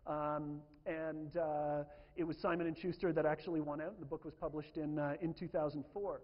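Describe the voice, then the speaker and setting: A man's voice: fairly high pitch, little pitch movement, moderate pace. A man giving a conference talk, chatty and full of fillers and restarts. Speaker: conference speaker. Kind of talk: presentation talk. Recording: dull lo-fi sound in a reverberant hall.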